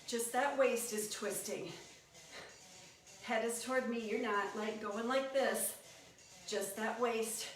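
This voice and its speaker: A woman leading a workout as an aerobics instructor, giving short encouraging cues and counts. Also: on the high side. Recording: echoey room, distant mic, music behind. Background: workout music.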